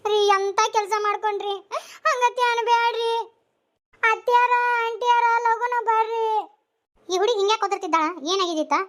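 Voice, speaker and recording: A woman's voice: very high-pitched, fairly even intonation, normal speed, fairly bright tone. A woman voicing a wailing village wife and a grieving mother-in-law in a cartoon, lamenting with a North Karnataka Kannada accent. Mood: distraught. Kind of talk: cartoon voice acting.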